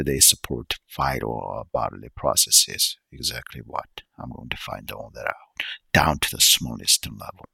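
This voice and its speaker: Brief: very low, gravelly male voice with a husky edge, halting solo lecturer full of fillers. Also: bright, forceful tone, no room sound. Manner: halting, many fillers, checks pronunciations aloud. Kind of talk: casual unscripted lecture.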